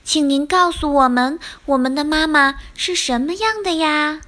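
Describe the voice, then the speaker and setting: A woman voicing a group of small, eager tadpoles with high, pleading, excited calls. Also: moderate pace.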